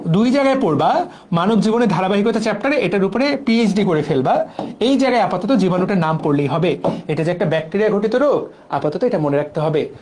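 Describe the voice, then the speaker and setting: A man's voice: high voice, expressive, fast talker, a little mellow. Young man lecturing with playful mnemonics. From Bangladesh. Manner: playful, drills mnemonics with repetition. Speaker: biology lecturer. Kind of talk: exam-prep class lecture.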